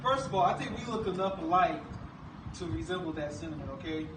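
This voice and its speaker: A man playing an earnest, self-important university wrestler in a skit, with formal, deliberate wording. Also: sits high, expressive. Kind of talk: backstage wrestling skit promo. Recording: echoey, noisy room, distant mic.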